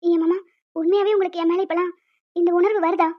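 Woman doing a sad sweet cartoon wife, squeaky high and fast, pleads and apologizes, kinda lo-fi. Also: steady tone. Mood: tearful. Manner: pleading, sorrowful, deferential. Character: gentle tearful young wife, Anitha.

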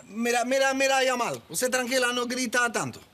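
Un actor que interpreta a un padre inmigrante orgulloso y devoto, que habla un español roto con acento árabe, en una telenovela. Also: male voice, extremely high pitch, normal speed, slight background noise. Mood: pleading. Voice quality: broken ungrammatical Spanish, lively emphatic delivery. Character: proud immigrant father, broken Spanish, stubborn and devout. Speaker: immigrant father and shopkeeper. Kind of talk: telenovela acting.

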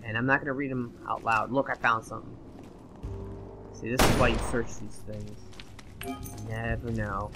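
A young man doing let's play commentary, excitable and swearing at the game, his voice going hoarse. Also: mid-range voice, moderate pace, pauses often, over loud music. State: losing his voice. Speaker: gaming channel host.

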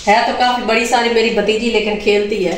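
A middle-aged woman with a Pakistani Urdu accent talks casually to her viewers, pointing things out as she walks through a village house. Her voice sits a little high. The phone recording is roomy and echoey, with clear outdoor noise behind her. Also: steady tone, brisk. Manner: chatty, addresses viewers as friends, points things out. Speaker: vlogger. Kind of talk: casual home tour vlog. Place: village house rooftop and rooms.

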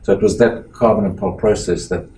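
An older man from Zimbabwe, sitting in an office for an oral history interview, speaking in a measured, halting way with many pauses and restarts. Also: fairly low pitch, fairly even intonation, warm tone, a little hiss or hum, poor audio. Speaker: interviewee, metallurgist. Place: small office meeting room indoors.

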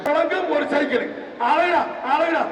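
A man calling a bull-taming event through a public-address loudspeaker, excited and shouting repeated short cries. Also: very high-pitched, normal speed. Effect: heard through a public-address loudspeaker. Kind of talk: live commentary over loudspeaker. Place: open-air arena with a large crowd. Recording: echoing loudspeaker from far off over crowd.

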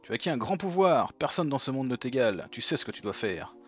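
A man voicing a dark, menacing villain lord in a video game, speaking slowly and theatrically. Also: mid-range voice, big pitch swings, dull audio, faint music behind, lightly acted. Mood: solemn menace.

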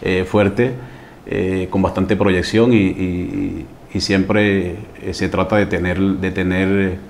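A man's voice: low-pitched, steady tone, slow pace, gravelly, darkish tone, a little hiss or hum. A man from Colombia, a salsa orchestra singer, answering interview questions hesitantly with many fillers.

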